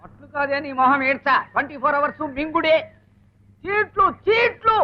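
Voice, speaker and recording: An actor playing a henpecked husband and college lecturer, muttering sarcastic asides and barking commands, in an old film comedy. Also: male voice, extremely high pitch, lively intonation, moderate pace. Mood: bossy. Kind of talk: 1970s Telugu film comedy. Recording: dull lo-fi film soundtrack.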